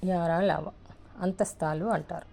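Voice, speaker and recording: A woman with a Telugu accent teaching the alphabet, slowly repeating each letter one at a time. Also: on the low side, fairly even intonation, creaky, dark tone, a little hiss or hum. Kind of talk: alphabet lesson, writing on a board.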